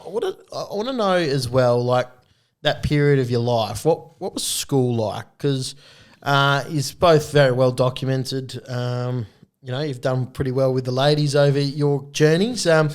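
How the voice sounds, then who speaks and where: Smooth-voiced podcast host. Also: male voice, mid-range voice, unhurried. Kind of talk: casual chat.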